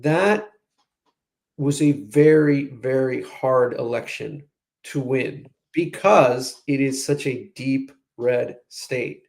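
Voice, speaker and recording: Gravelly man giving political analysis. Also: medium pitch, takes it slowly, darkish tone. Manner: conversational, restarts, "you know" fillers. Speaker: political strategist guest. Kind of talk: political commentary interview.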